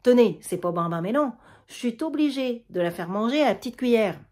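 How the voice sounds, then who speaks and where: A woman's voice: on the high side, lively intonation, a little fast, darkish tone. A woman reading a play aloud, voicing a harried middle-aged housewife who cares for her mother-in-law, with a Quebec French accent and a complaining manner.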